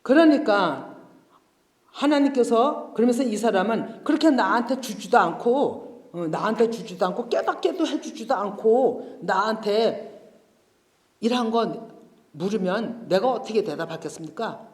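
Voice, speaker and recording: A male pastor delivers a Sunday sermon with a high, lively voice that rises and falls a great deal. He speaks directly to his congregation. His voice rings through a roomy church sanctuary with a long reverb. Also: a little slow. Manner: expressive preaching that talks to the congregation directly. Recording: echoey church hall.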